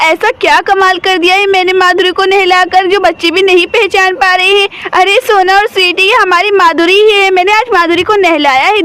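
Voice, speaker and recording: Cheerful chatty village woman, voiced by a woman, very high and bright. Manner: chatty, teasing. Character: cheerful village woman caring for her cow.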